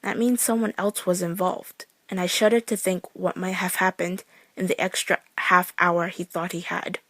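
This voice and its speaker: A woman reading out a true scary story in a measured, suspenseful way. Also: lowish voice, little pitch movement, a bit bright, dry recording. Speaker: horror story narrator.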